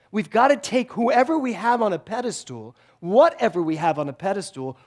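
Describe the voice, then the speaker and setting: A middle-aged man preaches in a relaxed, conversational way, with a voice that sits a little high for a man. He tells stories with self-deprecating humor and laughs often between his points. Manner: animated storytelling with frequent laughter. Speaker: guest speaker at a spiritual center. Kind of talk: sermon.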